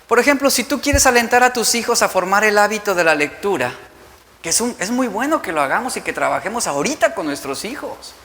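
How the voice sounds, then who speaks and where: A man delivers a lively sermon, his voice high and bright. He slips into quoted voices to act out everyday excuses. The sound carries a long reverb from a church hall. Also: a little fast. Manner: animated preaching, acting out excuses in quoted voices. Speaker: pastor. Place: church sanctuary.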